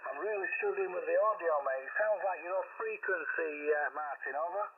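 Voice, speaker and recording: High-voiced man on ham radio. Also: a little fast, distant mic, narrow, tinny audio. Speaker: amateur radio operator. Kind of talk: casual ham radio chat. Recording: thin ham radio signal with static.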